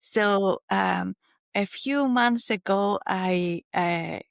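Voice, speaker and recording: Greek accented woman talking slow and thoughtful, restarts a lot, dry sound. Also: medium pitch, creaky, no echo. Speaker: guest spiritual teacher. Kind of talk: reflective interview talk.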